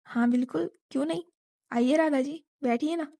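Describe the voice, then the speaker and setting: A woman's voice: high-pitched, moderate pace, vocal fry, dark tone, no echo, studio quality. A woman voicing a bossy elder sister who scolds her younger sister in jest. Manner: scolding, mock-stern. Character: bossy elder sister, sharp-tongued hostess.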